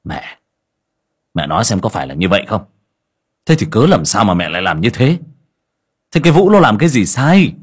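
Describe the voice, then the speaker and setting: A man voicing a hot-tempered middle-aged son who scolds his old mother, with a husky voice. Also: on the low side, sing-song, a little fast, pauses often. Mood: angry. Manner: scolding, demanding.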